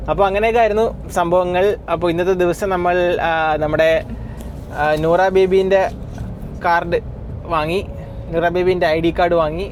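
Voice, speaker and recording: A Malayali man from Kerala telling a family story, casual, laughing, talking loud from a car. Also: high-pitched, steady tone, a little slow, pauses often, a little hiss or hum. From Kerala, India. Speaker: family vlogger. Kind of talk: casual vlog chat. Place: in a car on city roads.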